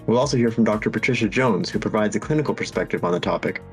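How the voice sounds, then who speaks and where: Male host, lower voice, scripted podcast intro, faint music underneath. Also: very fast. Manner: smooth, read-from-script delivery.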